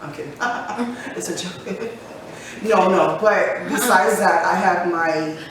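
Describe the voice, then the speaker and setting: A woman's voice: lowish voice, slow pace, a bit bright, slight background noise. A woman in her forties co-hosting a podcast in casual chat, joking and laughing often. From United States. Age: 40s. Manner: chatty, laughs often, jokes. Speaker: podcast co-host. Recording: echoey room from far off.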